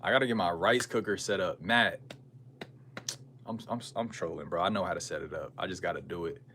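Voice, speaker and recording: This low-pitched American man talks a little fast, with a bright, forceful tone. He's musing aloud during a casual livestream, answering viewers in loose, slangy speech, and background noise and ambience come through clearly.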